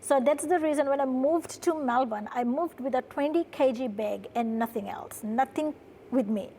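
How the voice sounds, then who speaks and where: A woman from Fiji, a production company founder, tells her story in an earnest studio interview, often tagging her sentences with "right?". Her voice is high-pitched and dark in tone, at a moderate pace, with slight background noise.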